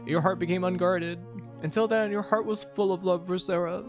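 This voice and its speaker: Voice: mid-range voice, steady tone, fairly quick, music in the background, lightly acted. A player voicing a gloating female devil while reading video game dialogue aloud. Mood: smug, gloating. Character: gloating female devil possessing a lover's body.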